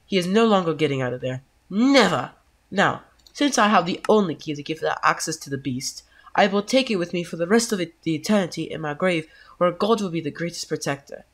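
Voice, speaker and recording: A man's voice: fairly high pitch, expressive, brisk, fairly bright tone. A man reading as a solemn priest in mock British. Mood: grave. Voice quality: stilted, formal reading. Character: solemn male priest writing a grim letter.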